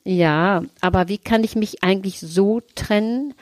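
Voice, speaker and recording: A woman's voice: medium pitch, a little slow, darkish tone, no echo. A woman therapist co-hosting a casual talk podcast, explaining with lots of rhetorical questions. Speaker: therapist and co-host.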